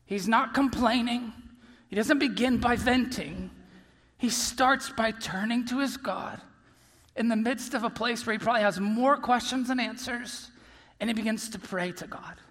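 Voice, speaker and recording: A man preaching a sermon as pastor, earnest, dropping to soft near-whispers and then rising to loud emphasis. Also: very high-pitched, moderate pace. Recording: long reverb of a large hall.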